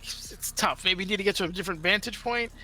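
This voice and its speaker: A woman's voice: mid-range voice, quick pace, pushed and bright, poor audio. A woman narrating as game master in a casual, laughing way, swearing freely. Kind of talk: narrating a live-streamed tabletop game.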